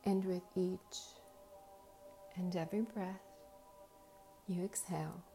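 A woman speaking as a slow, soothing hypnotist, guiding relaxation in short soft phrases with long pauses. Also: lowish voice, steady tone. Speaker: host of guided meditation and hypnosis sessions. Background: faint music.

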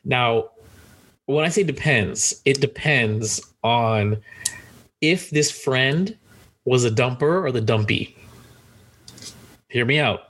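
Husky-voiced joking podcast co-host man. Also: medium pitch, slow, pauses often, fairly bright tone. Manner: joking, rambling, many restarts. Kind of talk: casual podcast chat.

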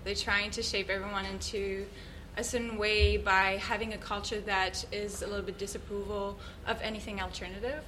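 A woman's voice: medium pitch, little pitch movement, brisk, few pauses, fairly bright tone, a little hiss or hum, low-quality recording. Earnest woman telling her story. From Switzerland. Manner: earnest, thoughtful, searching for words. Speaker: guest, yoga teacher. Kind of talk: reflective personal storytelling.

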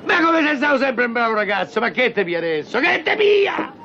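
An actor playing a loud, bossy football-fan father who organizes the bar's supporters, talking with a Roman accent in hectoring rhetorical questions. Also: extremely high pitch, very animated, a little fast, background noise, full character voice. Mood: blustering. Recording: dull lo-fi film soundtrack.

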